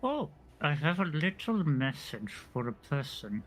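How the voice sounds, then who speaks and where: A man acting as game master in a tabletop role-playing game, speaking hesitantly with many pauses and restarts while voicing a shopkeeper. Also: fairly high pitch, very animated, fairly bright tone, soft background music, low-quality recording. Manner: hesitant, lots of ums and restarts.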